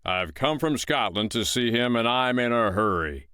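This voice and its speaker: A man voicing a huge blustering male giant who roars and growls in slow, boastful speech. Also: medium pitch, animated, bright, forceful tone, clean tone, no echo, studio quality. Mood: roaring.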